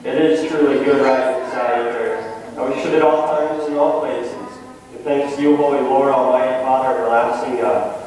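A man as pastor leading liturgical prayers in a measured, intoning cadence, heard in a large church sanctuary with a cathedral-like echo from a distant mic. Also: medium pitch, steady tone, loud music behind the voice. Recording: cathedral-like echo, voice from far off, faint noise.

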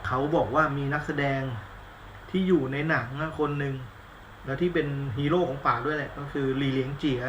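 A man's voice: on the high side, fairly even intonation, a little fast, echoey room, slight background noise. A man doing a casual live-stream movie review, chatty and rambling, with blunt slang and self-mocking asides. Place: indoors at home, live stream.

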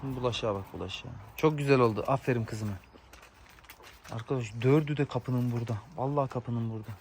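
A man, a father and dog owner, chatting casually to viewers in a yard while giving sharp commands to his dogs. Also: mid-range voice, fairly quick, a little hiss or hum. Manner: sharp commands to dogs, shooing them back. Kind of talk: casual vlog talk to viewers.

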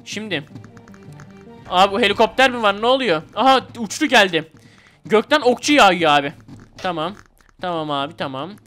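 A young man calls out a battle game in a bright, high, excitable voice and yells slangy taunts at the enemies. Game music plays faintly underneath. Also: normal speed, long pauses. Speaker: gaming YouTuber. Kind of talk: casual gameplay commentary.

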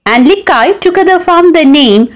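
This channel host speaks at an extremely high pitch, animated and at normal speed. She narrates a scripted story in the swooping, dramatic manner of a storyteller.

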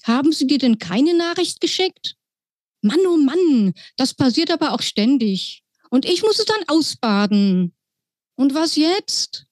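A woman's voice: high-pitched, sing-song, a little slow, darkish tone, no room sound, clean studio sound, voice pushed up. A woman voicing a small, impatient male pilot mouse who talks in a pushy, grumbling way, in a storybook reading. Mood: indignant.

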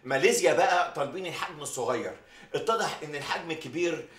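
A man's voice: fairly high pitch, fast, fairly bright tone, distant mic, close to an everyday voice. An actor playing a bumbling middle-aged man in an Egyptian Arabic sitcom, stammering through rambling excuses. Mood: evasive. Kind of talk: sitcom acting. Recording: roomy set, voice from off-mic.

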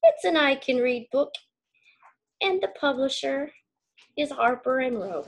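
A woman's voice: high-pitched, expressive. A woman teacher reading a picture book aloud to her young students and asking them questions. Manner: warm, slow, question-asking teacher talk. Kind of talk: children's read-aloud.

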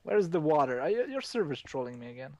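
A man's voice: on the high side, sing-song, fast, a little mellow, no room sound. A man chatting casually while playing a video game with a friend, teasing and laughing often. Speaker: gaming video co-host. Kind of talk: casual gameplay chat.

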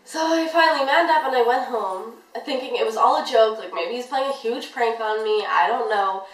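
Speaking at normal speed with a fairly high pitch, this young woman chats to her camera, rambling through a story and leaning heavily on "like". She's far from the mic in an echoey room, slightly off-mic, with faint music in the background.

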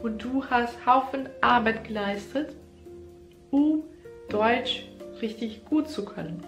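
A woman's voice: a little high, slow pace. Woman language teacher, chatty video-lesson delivery, talks straight to camera, echoey room, music underneath. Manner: conversational, talks straight to the viewer. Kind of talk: casual explanatory video lesson. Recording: roomy echo with background music. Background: instrumental music.

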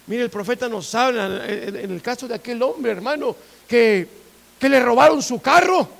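Male preacher, fervent church sermon, very high voice with heavy gravel, hushed then loud. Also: normal speed. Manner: fervent, repetitive, swings between loud and hushed.

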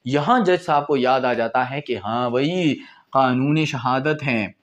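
Measured in pace and medium in pitch, a Pakistani-accented man in his twenties talks through law in a relaxed, conversational lecture. English terms pop up throughout, he dramatizes examples, and the setting is a small indoor room with a whiteboard.

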